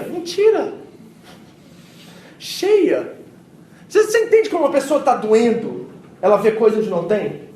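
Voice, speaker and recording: A high-voiced man preaches, telling the story with vivid acted-out quotes and swinging from loud to hushed. His voice rings through a large echoing church hall, picked up from some distance with faint room ambience behind. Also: a little hiss or hum. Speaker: pastor. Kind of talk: sermon. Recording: echoey hall miked from a distance.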